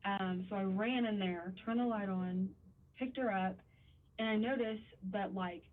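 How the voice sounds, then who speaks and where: A woman's voice: mid-range voice, unhurried, distant mic, slight background noise. A hesitant woman explaining herself in a police interview, her talk full of fillers and trailing phrases. the sound is thin and phone-like, and she sits well back from the microphone. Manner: hesitant, filler-heavy, many likes and ums. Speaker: babysitter questioned by police.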